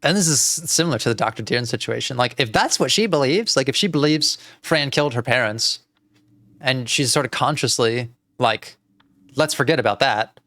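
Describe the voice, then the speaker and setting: A man's voice: medium pitch, expressive, moderate pace, sharp tone, no room sound, studio quality. A man, a therapist, commentating his playthrough of a video game. He talks casually and thinks aloud, slipping in swear words and laughter-ready asides. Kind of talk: let's play commentary.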